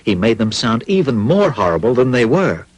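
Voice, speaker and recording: A man's voice: medium pitch, sing-song, normal speed, a crowd in the background. A man narrating a cartoon story in a wry storytelling manner.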